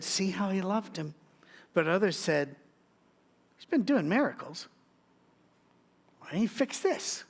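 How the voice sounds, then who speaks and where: Middle-aged guy preaching, high voice, storytelling w/ little jokes thrown in. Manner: storytelling with joking asides. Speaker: pastor. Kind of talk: sermon.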